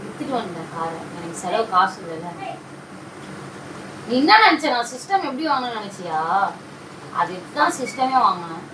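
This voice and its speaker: A woman's voice: mid-range voice, big pitch swings, normal speed, pauses often. A woman pulling a prank at home, teasing and coaxing in a casual, playfully defensive way. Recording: roomy and distant with faint noise.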